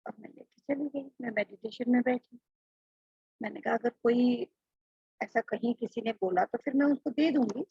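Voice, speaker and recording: A woman's voice: a little high, creaky, husky, dry recording, dull audio. A woman chatting through a personal devotional testimony, often acting out what she said to others. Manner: chatty, quotes herself aloud. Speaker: devotee sharing experiences.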